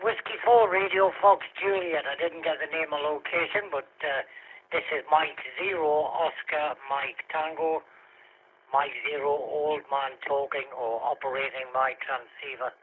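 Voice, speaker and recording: A man acting as net control on an amateur radio net, heard through a tinny narrow-band radio transmission. His voice sits a little high and has a husky edge. He is friendly and chatty, and he spells call signs out carefully. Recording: tinny radio-link audio.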